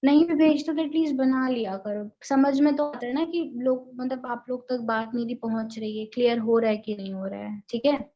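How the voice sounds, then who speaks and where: A woman's voice: fairly high pitch, moderate pace. A woman teacher giving an online class over a call, checking with her students and using many fillers. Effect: heard over an online call. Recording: dull, lo-fi online call audio.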